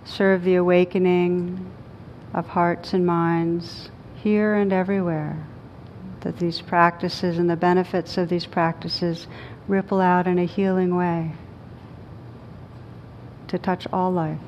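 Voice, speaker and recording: A woman acting as meditation teacher speaks slowly and soothingly to a live group in a room, keeping her tone calm and pausing for long stretches. The sound is dull and lo-fi, with a rumbling background.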